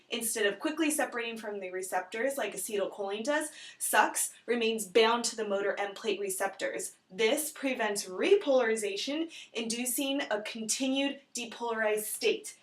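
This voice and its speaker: A woman playing an earnest young nurse who explains a drug in a brisk, textbook-like way, as in an instructional skit. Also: fairly high pitch, lightly acted. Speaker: nurse in a student case-study skit.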